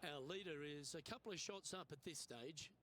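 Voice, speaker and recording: A male golf commentator calls the action in a measured, polished announcer delivery. His voice sits slightly higher than most men's. A faint, steady noise runs beneath it. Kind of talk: scripted sports commentary.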